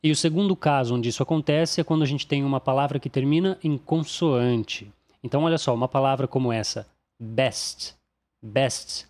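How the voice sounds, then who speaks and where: A man with a Brazilian Portuguese accent gives a pronunciation lesson at a middle pitch. He explains each point in a clear, didactic way and says every example word slowly, often twice. The voice-over stays calm and even. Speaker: English pronunciation teacher. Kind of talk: instructional explanation.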